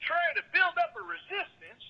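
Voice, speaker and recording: A man putting on a high, rambling phone-voicemail caller. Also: steady tone, moderate pace, gravelly, muffled recording. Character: goofy man who calls himself a control panel technician. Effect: voicemail over a landline phone.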